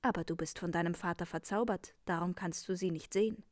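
A woman's voice: fairly low pitch, steady tone, a little fast, no room sound, studio quality, natural voice. A woman voicing a sly, self-assured man in a tailcoat who is a magician, in a read-aloud fairy tale.

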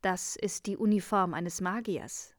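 A woman voicing a calm, dismissive old king who is secretly a magician, in a read-aloud fairy tale. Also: mid-range voice, a little slow, dry recording, clean studio sound, close to an everyday voice. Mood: unmoved.

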